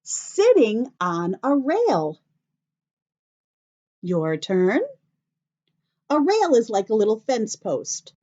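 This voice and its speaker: This American teacher has a fairly high, darkish voice, and as she reads a children's story at a slow pace, her pitch swings hugely in a sing-song manner. She poses questions to the young audience, and the audio is a bit dull and lo-fi.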